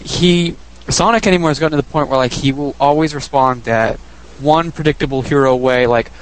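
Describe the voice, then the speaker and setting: Man, podcast co-host, casual game talk, rambling, self-correcting, mid-pitched, faint noise. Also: fairly quick, poor audio.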